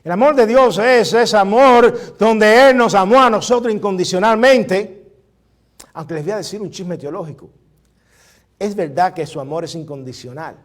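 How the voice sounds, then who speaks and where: High-voiced male pastor preaching. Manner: preaching with drawn-out emphatic words, shifting from hushed to loud; chatty asides to the congregation. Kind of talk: sermon.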